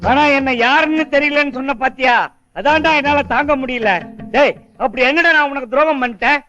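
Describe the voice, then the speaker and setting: A man's voice: very high-pitched, fairly even intonation, a little fast, bright, forceful tone. An actor playing a proud, stubborn but tender-hearted old grandfather who scolds and pleads in everyday speech. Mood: pleading. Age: older. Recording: muffled film audio with music.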